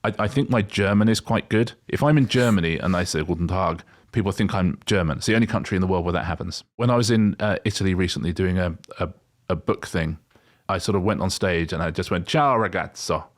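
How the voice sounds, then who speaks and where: Talking quickly in a low voice, this middle-aged podcast co-host rambles through a wry, casual chat, often restarting his sentences.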